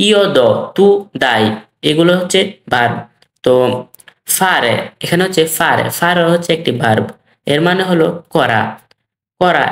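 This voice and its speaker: A patient language teacher drills vocabulary, saying every word twice and drawing out the example phrases. The voice sits at an ordinary middle pitch. The recording carries a clear roomy echo. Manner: slow and repetitive, drilling each word twice; stretches out the practice phrases. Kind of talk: language lesson. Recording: roomy echoey room.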